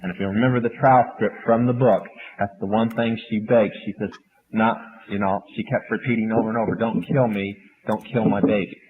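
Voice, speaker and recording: A man lecturing an audience and taking questions in a matter-of-fact, flat delivery, heard on an old archive recording. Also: fairly low pitch, a little fast. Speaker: speaker at a question session. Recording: old tinny archive recording with faint hiss.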